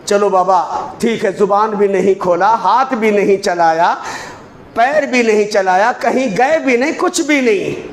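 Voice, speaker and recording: A man giving an impassioned Friday sermon in a mosque, firing off rhetorical questions and drawing out recited Arabic verses slowly. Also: sits high, slight background noise. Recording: echoey mosque hall with faint ambience.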